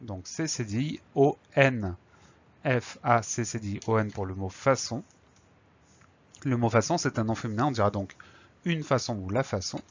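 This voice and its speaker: A man's voice: medium pitch, normal speed, breathy edge, dull audio. A man teaching a spelling lesson, spelling words out letter by letter and explaining each one patiently before a dictation.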